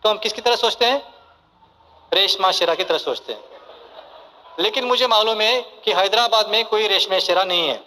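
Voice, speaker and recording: In a large hall, a motivational business speaker gives a seminar, mixing English phrases into his Hindi. His voice is high-pitched and sharp, his pace moderate with long pauses, and he keeps checking in with the crowd, asking for yes or no and saying okay. The sound is reverberant, with slight background noise.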